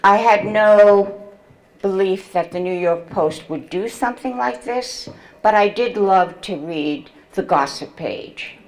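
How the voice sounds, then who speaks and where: On a low-quality recording, a memoir author in her seventies shares her story with an audience, reading from her book. She speaks in a mid-range voice, slowly and with measured care.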